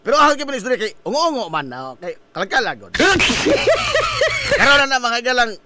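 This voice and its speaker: A man's voice: extremely high pitch, very animated, quick pace, heavy background noise. A man hosting a local radio talk show, joking, laughing at his own quips and asking listeners rhetorical questions.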